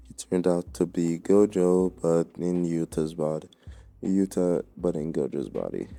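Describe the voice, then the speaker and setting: An anime commentary creator with a low, warm voice delivers a casual opinion rant, swearing freely and sounding slangy and exasperated.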